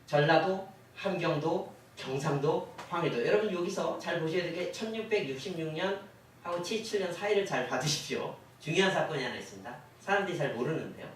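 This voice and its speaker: Lively man lecturing in an echoey hall. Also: a little high, a little fast. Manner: asks the audience questions, acts out quoted officials. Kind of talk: history lecture to a class. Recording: echoey hall, voice from far off, faint hiss.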